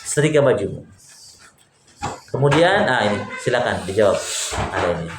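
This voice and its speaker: A man's voice: medium pitch, sing-song, normal speed. Man teaching grammar in an echoey classroom. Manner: quizzes students and repeats answers. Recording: echoey room, faint background hum.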